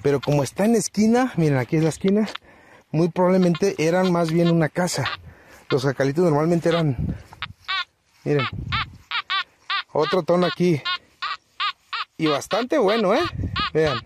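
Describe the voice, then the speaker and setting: A man's voice: a little high, animated, normal speed, long pauses, background noise. A man, chatting to viewers outdoors as he hunts for old relics, often calling them his friends. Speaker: treasure hunting vlogger. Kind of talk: casual outdoor commentary. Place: outdoors in open countryside.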